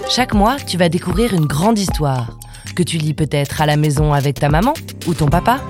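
A woman's voice: low voice, expressive, fairly quick. A woman reading a friendly scripted podcast intro addressed to children. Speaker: podcast announcer. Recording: music bed behind.

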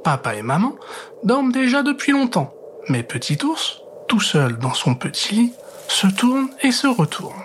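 A man reading a children's bedtime story aloud, expressive and gentle, dropping to soft whispers for suspense. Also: high voice, a little slow, slight background noise.

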